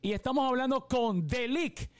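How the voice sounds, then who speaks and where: High-voiced Puerto Rican radio host. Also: male voice, normal speed, no room sound, studio quality. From Puerto Rico. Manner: upbeat, enthusiastic, many fillers like "eh" and "este". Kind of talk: live radio interview.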